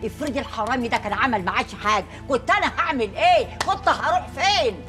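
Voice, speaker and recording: An actress with an Egyptian accent playing a fiercely protective, sharp-tongued mother in a TV drama. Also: sits high, expressive, quick pace, soft background music. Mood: scolding. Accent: Egyptian Arabic. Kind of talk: TV drama acting.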